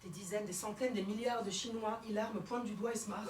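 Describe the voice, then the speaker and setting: A woman comedian performing a one-woman stage show, telling her story theatrically and swinging between hushed and shouted lines. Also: medium pitch, steady tone, quick pace, slight background noise. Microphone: fixed camera from the hall. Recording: roomy hall sound from far off.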